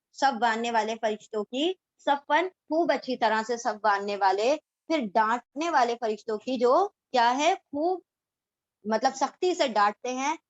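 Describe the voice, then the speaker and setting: A woman teaching a word-by-word Quran translation lesson, reciting verses slowly and then explaining them in everyday speech mixed with English words. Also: fairly high pitch, no room sound, dull audio.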